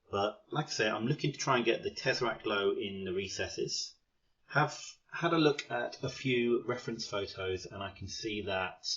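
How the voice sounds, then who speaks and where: A man's voice: sits low, a bit bright, muffled recording. A man casually talking through his miniature painting, rambling and self-deprecating with lots of ums. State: out of breath. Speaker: hobby painter.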